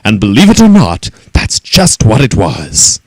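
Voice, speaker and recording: A man reading a children's story aloud in an expressive, animated way. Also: fairly low pitch, measured pace, no echo.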